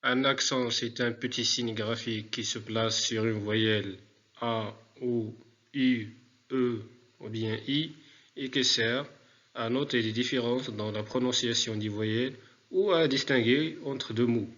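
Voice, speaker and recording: A man teaching a remote spelling lesson to pupils, speaking deliberately and repeating words for dictation. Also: medium pitch, steady tone, a bit bright, dull audio.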